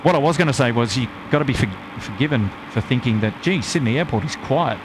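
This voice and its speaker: A male live stream host gives casual commentary in a mid-pitched voice. He rambles in a matey, hesitant way over clearly noisy outdoor audio. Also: expressive, quick pace.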